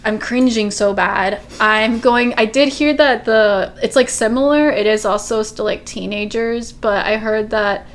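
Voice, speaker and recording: A woman's voice: a little high, a little slow, hardly any pauses. A woman co-hosting a podcast, rambling and giggly in casual chat. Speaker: podcast co-host.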